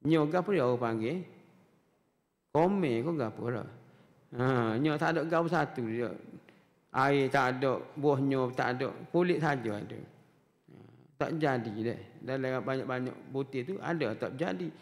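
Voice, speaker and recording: A man's voice: medium pitch, unhurried, long pauses. A man with a Kelantan Malay accent giving a weekly mosque lecture as a religious teacher, talking conversationally with rhetorical questions and frequent "ha" interjections. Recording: long mosque hall reverb.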